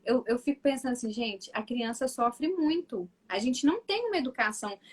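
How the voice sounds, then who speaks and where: On a live video call, a Brazilian mother with a Minas Gerais Portuguese accent chats casually as a live-stream guest, her voice high-ish, a little fast, and edged with breathiness. She's animated, switching to a softer voice to act out how she talks to her son, and often restarts or tosses filler asides to viewers.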